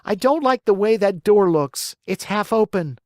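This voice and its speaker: A storyteller voicing a whiny, stubborn wooden marionette boy in a high, strained, whining voice. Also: expressive, normal speed, darkish tone, no echo, clean studio sound, close to an everyday voice. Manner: bargaining, then wailing and pleading.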